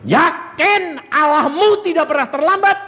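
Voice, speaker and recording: A male preacher tells a sermon story, swinging between loud exclamations and low murmurs. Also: animated, a little slow. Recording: dull recording with long hall reverb.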